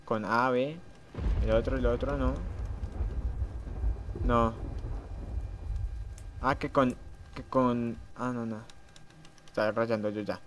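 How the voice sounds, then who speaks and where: A man's voice: mid-range voice, steady tone, slow, long pauses, a little hiss or hum. A young man playing a horror game, muttering to himself and shrieking at the scares. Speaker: gamer.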